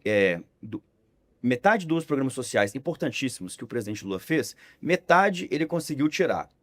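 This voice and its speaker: Animated, sarcastic young Brazilian man. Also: medium pitch, normal speed. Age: 20s. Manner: animated, sarcastic, lively intonation. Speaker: podcast guest, young politician. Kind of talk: casual podcast conversation.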